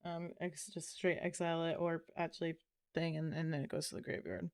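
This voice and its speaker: Gravelly, smooth-voiced woman streamer rambling. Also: deep voice, little pitch movement, fairly quick, no echo, clean studio sound. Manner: rambling, trailing off, self-correcting. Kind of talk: casual chat while gaming.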